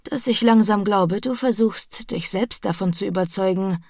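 A woman voicing a guarded, intense male architect who murmurs in a low voice. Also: moderate pace, darkish tone, no room sound, studio quality, natural voice.

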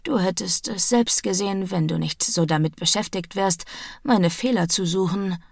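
A woman voicing a guarded, intense male architect who murmurs in a low voice. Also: normal speed, vocal fry, darkish tone, husky, no echo, clean studio sound.

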